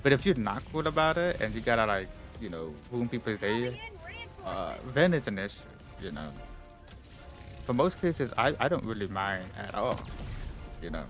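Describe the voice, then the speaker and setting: A man's voice: lowish voice, big pitch swings, moderate pace, soft background music. A man live streaming, chatting casually and rambling, his talk full of fillers, his voice a bit stuffy-nosed. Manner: rambling, filler-heavy, full of "like" and "you know". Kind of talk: casual chat while gaming on stream.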